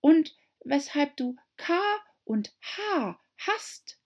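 A woman voicing a curious, polite young girl in an audiobook, speaking high and eagerly. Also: big pitch swings, extremely slow, darkish tone, exaggerated voice.

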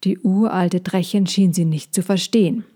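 A woman reading a children's story aloud in a calm, unhurried manner. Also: fairly low pitch, husky.

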